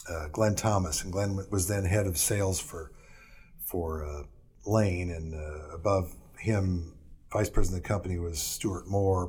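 Rambling low-voiced man telling stories. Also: a little mellow, husky. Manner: rambling, hesitant, many fillers and restarts. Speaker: interview guest. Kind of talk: casual storytelling interview.

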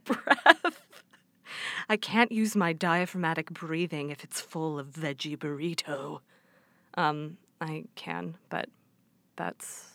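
A young woman hosts a casual solo podcast, talking in a loose, rambling way that keeps breaking off and circling back. Her voice is bright and a little low-pitched for a woman. It is recorded close and dry, with no room sound. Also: no room sound. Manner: rambling, self-interrupting, laughs often. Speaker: podcast host.

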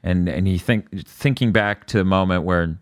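A man hosting a casual podcast, retelling an episode with lots of laughter and quick put-on voices for the characters. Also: low-pitched. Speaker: podcast host. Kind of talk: casual chat recapping an anime episode.

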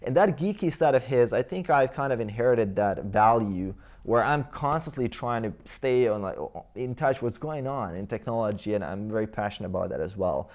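In a casual life-story interview, a man in his thirties from the Croatia/Bosnia region, a native Croatian speaker with a Croatian accent, rambles about his past as the guest, full of fillers and restarts. He has a medium-pitched, darkish voice with lively intonation, moving at a moderate pace with hardly any pauses.

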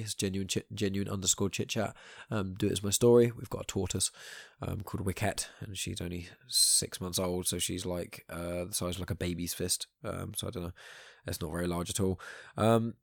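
British man, podcast host, croaky gravelly voice, low pitch, hushed, casual rambling, late-night low-key delivery. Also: flat delivery, brisk, no echo, clean studio sound.

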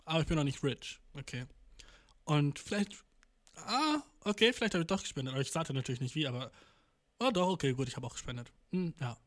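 A young man talking in a fairly high voice, reacting to news on stream. He is slangy and profane, sprinkling in English words and putting on mock voices for the countries he talks about. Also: expressive, brisk, a bit bright. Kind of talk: casual reaction commentary.

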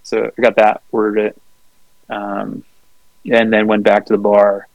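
A man co-hosting a podcast, telling a rambling, laid-back story in casual chat, swearing freely and filling pauses with ums and uhs. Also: on the low side, completely flat delivery, vocal fry, darkish tone, no echo, muffled recording. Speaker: podcast co-host.

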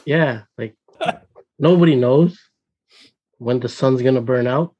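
A man's voice: medium pitch, a little slow, mellow, dull audio. A man speaking in a casual group chat with a laid-back drawl. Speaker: guest.

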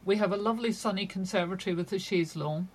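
Husky-voiced older woman, measured and articulate. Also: medium pitch, rough recording. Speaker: interview guest. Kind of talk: casual conversational interview.

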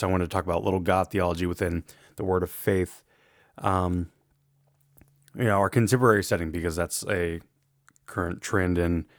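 A man with a gravelly voice, rough from allergies, giving an informal lecture in a measured, carefully qualified way. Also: sits low, no echo, studio quality. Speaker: theology lecturer.

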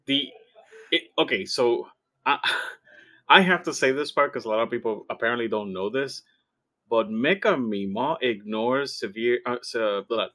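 A man chatting casually about a game, explaining rules haltingly and correcting himself as he goes. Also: mid-range voice, expressive, sharp tone. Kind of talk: casual game analysis chat.

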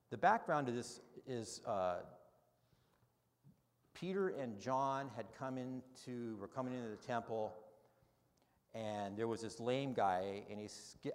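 A male pastor delivering a sermon, moving from quiet, conversational explanation into loud, emphatic preaching. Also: fairly low pitch, big-room sound.

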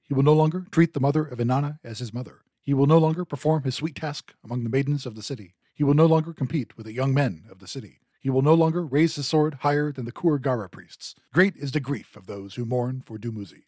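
Husky-voiced male history podcast host. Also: medium pitch, quick pace, hardly any pauses, dark tone, dry recording. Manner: informative, dry humor.

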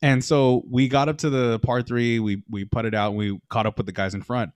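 A young man telling golf stories in casual chat, animated, acting out the people he quotes, with lots of fillers. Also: medium pitch, normal speed, clear, resonant tone, no room sound. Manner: animated storyteller, acts out quoted voices, many fillers.

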